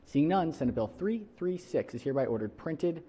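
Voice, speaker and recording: Brisk, fast-talking presiding man. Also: a little high, animated, warm tone, husky. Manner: brisk formal procedure. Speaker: presiding officer. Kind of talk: procedural chairing.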